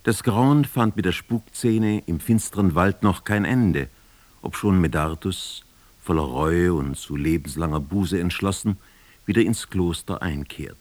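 Deep male radio narrator, measured and dry, scripted feature voice. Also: darkish tone, no echo.

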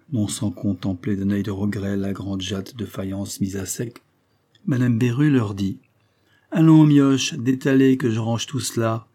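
A man reading a classic novel aloud in a measured, even storytelling manner. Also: lowish voice, breathy edge. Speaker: audiobook reader.

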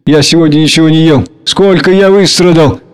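A man's voice: a little high, fairly quick, smooth, natural voice. A man reading aloud, voicing a weary, tearful older nobleman.

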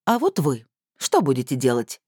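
A woman's voice: very deep voice, huge pitch swings, moderate pace, darkish tone, husky, no room sound, studio quality, full character voice. A woman voicing a pushy, anxious middle-aged woman in a storybook reading. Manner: pushy, agitated.

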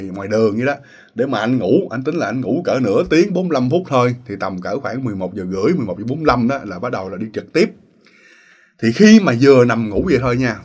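A man's voice: medium pitch, breathy edge. A man telling a ghost story in a casual way, acting out the voices of the people in it and talking straight to his listeners. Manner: acts out quoted voices, talks straight to listeners.

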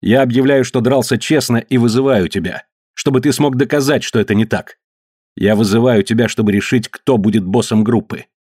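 A man voicing a fierce young man who shouts defiant commands and challenges in a story reading. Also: mid-range voice, fairly quick, slightly rough, no echo, studio quality, close to an everyday voice.

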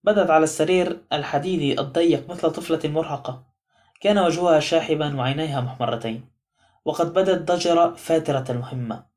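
A man narrating an audiobook novel in a measured storytelling manner. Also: a little high, darkish tone. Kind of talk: scripted narration.

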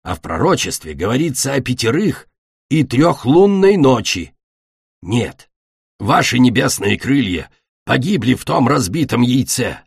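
Brief: male narrator as a gruff, cold mother dragon, husky and low, dry close recording. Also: very animated, unhurried, no echo, full character voice. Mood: angry. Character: harsh, bitter adult female dragon, a mother.

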